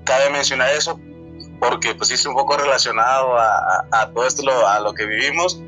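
A man in his twenties with a Mexican accent, telling a true encounter in a halting, repetitive way, often restarting his words. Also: mid-range voice, fairly even intonation, bright, forceful tone, faint music behind, poor audio. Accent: Mexican Spanish. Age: 20s. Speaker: storyteller sharing a true encounter. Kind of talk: casual spoken testimony.

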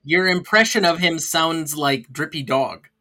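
A male podcast host chatting about a film in a high, bright voice. He reads off his notes casually and trips over his words now and then. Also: expressive, a little slow.

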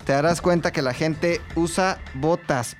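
A man's voice: on the high side, unhurried, soft background music. A Mexican man chatting casually on a podcast, telling a story in heavy slang. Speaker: podcast host. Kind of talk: casual chat.

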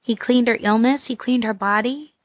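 A woman's voice: on the high side, fairly even intonation, normal speed, dry recording, clean studio sound. A woman giving a casual, chatty, slangy devotional talk as a podcast host, her voice thick and muffled from a swollen throat. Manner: chatty, slangy, addressing listeners as girls and guys.

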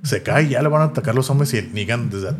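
A man's voice: mid-range voice, lively intonation, quick pace, a little hiss or hum. A young man with a Mexican accent, co-hosting a casual chat and retelling a series, acting out the characters' lines. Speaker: podcast co-host.

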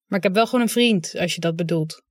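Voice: mid-range voice, fast, no room sound, natural voice. Reader doing a cheerful young woman. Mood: friendly.

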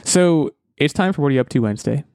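A man's voice: fairly high pitch, lively intonation, fast, vocal fry, darkish tone, no echo. A man hosting a podcast in casual chat, rambling and joking with lots of fillers and restarts. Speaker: podcast host.

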